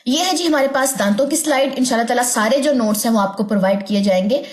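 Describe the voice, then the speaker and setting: A woman with a Pakistani Urdu accent teaches a tajweed lesson over slides, explaining patiently and drawing out each letter sound slowly. Her voice sits a little on the high side. The room around her sounds echoey. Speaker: Quran recitation teacher.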